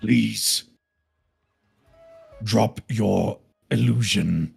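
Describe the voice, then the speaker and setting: A man voicing a mechanical creature that speaks in a metallic, ringing voice, slow and stiff. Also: fairly low pitch, creaky, husky, soft background music, exaggerated voice. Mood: commanding.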